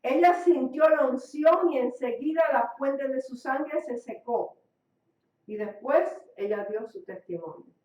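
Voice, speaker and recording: Slow, emphatic woman preacher, echoey and distant. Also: sits high, darkish tone. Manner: emphatic, repeats key phrases. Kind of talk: radio sermon. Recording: echoey, distant, dull lo-fi recording.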